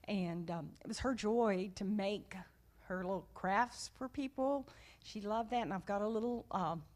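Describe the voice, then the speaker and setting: A woman's voice: mid-range voice, a little slow, a little mellow. Woman, church member, tribute, simple, tender, church memorial. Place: church sanctuary.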